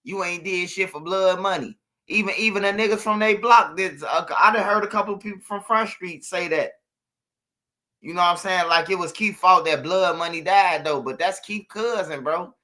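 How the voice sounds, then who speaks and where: A man talks through street news in loose, casual commentary, blunt and repetitive. His voice is bright and forceful and sits a touch high. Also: normal speed.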